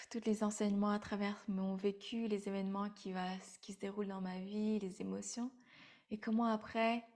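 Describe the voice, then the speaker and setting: A woman in her thirties, originally from Vietnam, leads a spiritual sharing circle in an unhurried, meditative way. Her voice is soft and dark in tone, and her pitch stays level and even. She hesitates often and repeats words as she searches for them. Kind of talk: spiritual talk to an online audience.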